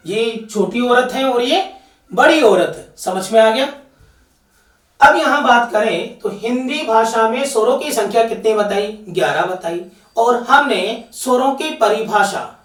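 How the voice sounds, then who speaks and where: A male teacher lectures slowly to students in an echoey classroom. He keeps asking questions and repeats the answers so they sink in. His voice sits a little away from the mic, so the room is heard around it. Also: high-pitched, distant mic. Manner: slow, repetitive question-and-answer drilling.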